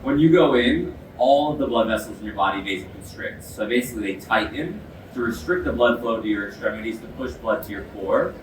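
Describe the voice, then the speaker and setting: A man's voice: lowish voice, expressive, brisk, hardly any pauses. A man giving an explanatory product demo as an expert, speaking in an earnest, emphatic way. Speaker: ice bath expert and product demonstrator with sports medicine background. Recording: echoey, distant mic, noisy background.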